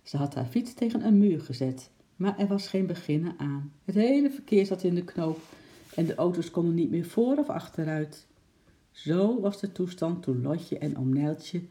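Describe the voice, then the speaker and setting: Man reading a kids story, calm steady pace, super dark mellow voice. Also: a little high.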